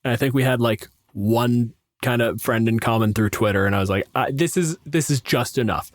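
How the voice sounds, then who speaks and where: Speaking briskly at a medium pitch, a young man from Canada co-hosts a podcast and acts as game master. The dry, clean studio recording captures his casual, sweary, self-deprecating storytelling with quoted asides.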